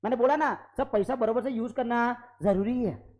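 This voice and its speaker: A man teaching an accounting class live in a classroom, lively and constantly prompting students for yes or no. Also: extremely high pitch, normal speed, low-quality recording. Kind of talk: classroom lecture.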